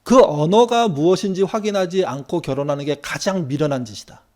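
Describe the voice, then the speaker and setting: A man's voice: on the high side, fairly quick, a little mellow. A middle-aged male pastor giving a conversational sermon, acting out quoted lines from church members and his wife. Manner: conversational preaching with acted-out quotes.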